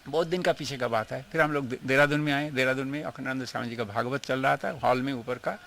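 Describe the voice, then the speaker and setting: A man's voice: mid-range voice, fairly even intonation, fast talker, gravelly, a bit bright, a little hiss or hum. An older man recalls his years with his guru in an interview, telling the story in an earnest, emotional way. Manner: emotional, earnest storytelling, mixing in English phrases. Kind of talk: reminiscing interview.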